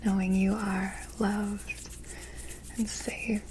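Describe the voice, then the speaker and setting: An airy, breathy woman speaks softly slowly over faint ambient noise. It is an ASMR role-play of a mystical energy healer, gentle and soothing. Her delivery stays very even and unhurried. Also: mid-range voice.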